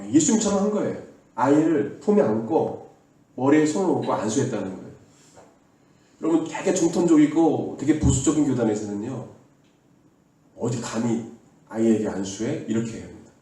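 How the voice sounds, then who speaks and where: A man preaches a sermon in a warm, mellow voice, urging his listeners earnestly and having them repeat his words. He sounds far from the mic. The church hall around him echoes heavily. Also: on the high side, expressive, normal speed, long pauses. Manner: earnest exhortation, leads the congregation in call-and-response. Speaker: pastor. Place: church sanctuary.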